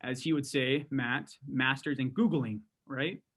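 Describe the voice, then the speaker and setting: A man's voice: medium pitch, fairly even intonation, unhurried. A man of about thirty co-hosting a podcast, chatting cheerfully and reading a friend's bio aloud with easy laughter. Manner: cheerful, laughs easily, warm-hearted reading. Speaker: podcast co-host. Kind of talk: casual interview chat and reading a bio aloud.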